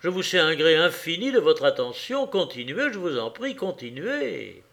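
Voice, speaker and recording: Un homme qui fait un journaliste parisien enjoué. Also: male voice, fairly high pitch, sing-song, moderate pace, gravelly, fairly bright tone, pitched above the performer's own voice, exaggerated voice. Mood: jovial. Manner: jaunty, teasing. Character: cheerful witty young Parisian journalist.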